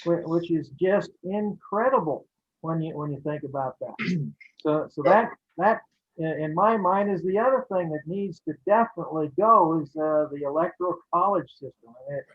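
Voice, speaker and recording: A man's voice: a little high, moderate pace, muffled recording. A man hosting a casual talk show who laughs easily as he tells stories. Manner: chuckles while telling a story. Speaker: host.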